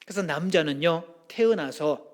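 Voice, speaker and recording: A man's voice: a little high, animated, normal speed. A male pastor, preaching a sermon in a church with humorous storytelling and questions to the congregation. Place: church sanctuary.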